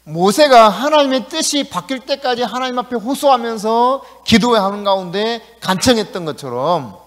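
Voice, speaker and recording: A male pastor preaching a sermon in a lively, conversational way in a church. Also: very high-pitched, moderate pace. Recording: echoey church hall.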